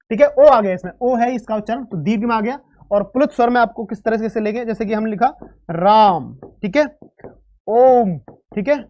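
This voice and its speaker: Hindi teacher woman with a high voice. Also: darkish tone. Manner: addresses students as "beta", drills sounds aloud, frequent "theek hai". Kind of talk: live online exam-prep lesson.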